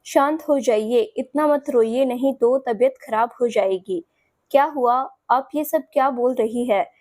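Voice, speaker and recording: A woman voicing a persistent young man in love who talks softly and gently to coax her in a storybook. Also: high-pitched, a little slow, no echo. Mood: tender. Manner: soft, gentle and coaxing.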